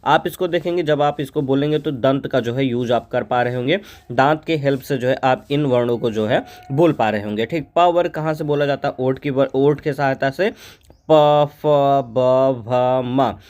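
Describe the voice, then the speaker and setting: A man's voice: medium pitch, brisk, darkish tone. A man teaching a Hindi grammar lesson for an exam, asking questions and answering them himself, spelling out letters one by one. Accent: North Indian Hindi.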